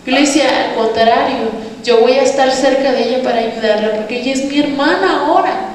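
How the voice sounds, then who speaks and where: A woman's voice: high-pitched, a little fast, a crowd in the background. A woman missionary with a Mexican accent preaching a sermon, giving an earnest testimony and addressing her congregation as brothers and sisters. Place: church sanctuary. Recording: echoey church hall from far off, faint ambience.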